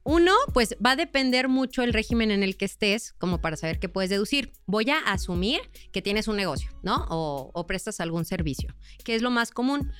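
A woman's voice: mid-range voice, lively intonation, fairly quick, few pauses, smooth, faint music behind. A woman from Mexico with a Guadalajara accent, co-hosting a casual panel and explaining taxes in a chatty, slangy way. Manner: chatty, laughs often, slangy. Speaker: tax advisor co-host.

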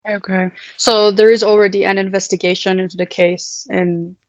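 A woman hosting a podcast interview, asking questions in a hesitant, halting way. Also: mid-range voice, little pitch movement, dry recording, dull audio. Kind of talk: conversational interview.

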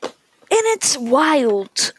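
A woman hosts a solo podcast and talks in a slow, unhurried way. Her voice sits fairly high and she is opinionated and chatty, often restarting her sentences. The recording is close and dry, with no room sound. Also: big pitch swings, dry recording, low-quality recording. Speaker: podcast host. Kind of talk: casual solo podcast talk.

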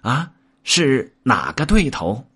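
A man's voice: medium pitch, very animated, slow, fairly bright tone, husky, pitched above the performer's own voice, full character voice. A man voicing an anxious little male demon underling in a told story. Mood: worried.

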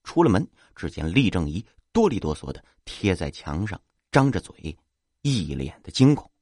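Man narrating a story, husky and animated, with a wry edge. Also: sits low, normal speed, dry recording, studio quality.

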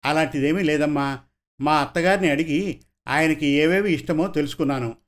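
A man voicing a calm, devoted young wife who answers her mother patiently. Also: on the high side, moderate pace, natural voice.

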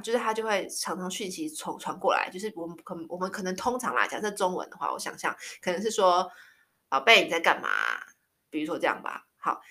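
A woman's voice: mid-range voice, bright, forceful tone. A woman in her thirties teaching Spanish words in a casual, chatty way, spelling them out letter by letter. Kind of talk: casual language lesson.

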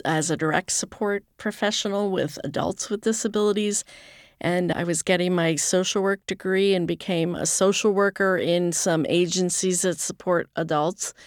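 A woman's voice: lowish voice, no room sound, studio quality. A woman in her sixties, a guest on an interview, explaining things earnestly in a conversational way. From United States. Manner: earnest and explanatory, with occasional laughs. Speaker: nonprofit chief executive, guest.

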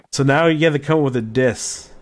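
A man co-hosting a casual podcast, joking and laughing often, and at one point rapping a verse. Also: medium pitch. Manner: laughs often, playful, raps a diss verse. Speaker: podcast co-host. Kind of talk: casual chat. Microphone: home podcast mic with headphones.

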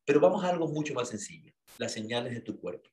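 A man hosts a casual talk show. His pitch swings in a lively way as he tells stories. He keeps asking his listeners rhetorical questions. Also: fast talker. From Ecuador. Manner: animated storyteller with rhetorical questions.

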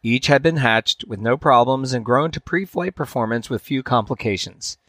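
A man hosting a podcast, reading a fable aloud in a measured storytelling way, with dramatic swings in pitch and loudness. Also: no echo, clean studio sound. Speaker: podcast host.

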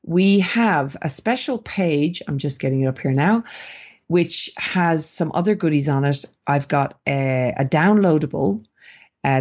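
Irish woman on a podcast, low husky voice, chatty and upbeat. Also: darkish tone, lo-fi sound. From Ireland. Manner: upbeat, conversational, gives practical tips. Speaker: guest, business founder. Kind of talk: podcast interview.

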